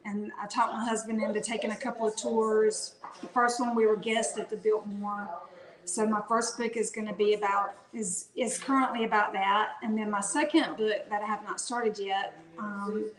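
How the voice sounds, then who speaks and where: With a crowd in the background of an echoey room, a Southern-accented woman from North Carolina talks as an author interview guest. Her mid-range voice is normal in speed, and her manner is relaxed and chatty, with fillers and restarts.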